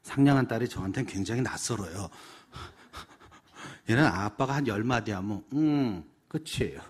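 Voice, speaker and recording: A middle-aged man leads a parenting seminar, his delivery lively and full of sweeping pitch. His voice has a husky grain, and he keeps slipping into acted-out voices to show his points. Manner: animated, acts out examples in voices. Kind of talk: seminar lecture.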